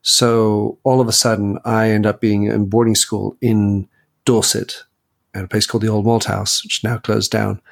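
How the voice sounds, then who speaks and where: Low gravelly man in his fifties. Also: level tone, normal speed. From Belgium. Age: 50s. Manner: reflective, storytelling, with restarts. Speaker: guest, author. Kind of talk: interview conversation.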